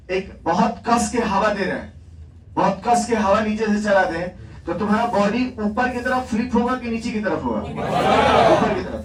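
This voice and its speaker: A man teaching a chemistry class in Hindi, asking the students questions and answering them himself, repeating key words for emphasis. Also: high voice. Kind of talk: classroom lecture. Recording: echoey classroom, distant mic, background noise.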